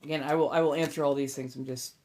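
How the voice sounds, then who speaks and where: A woman's voice: deep voice, fairly even intonation, fast talker, darkish tone. A woman with a Southern California accent chatting casually and informally to viewers as a livestream host and tarot reader, rambling a little as she goes.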